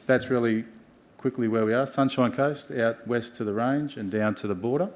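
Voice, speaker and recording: A man with an Australian accent giving an informal presentation in a halting way, with many ums and pauses. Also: medium pitch. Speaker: health organisation presenter.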